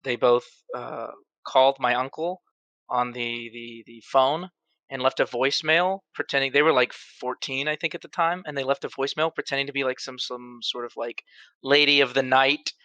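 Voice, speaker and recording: A man co-hosting a podcast in casual chat, an animated storyteller who laughs often. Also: mid-range voice, moderate pace, no room sound. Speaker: podcast co-host.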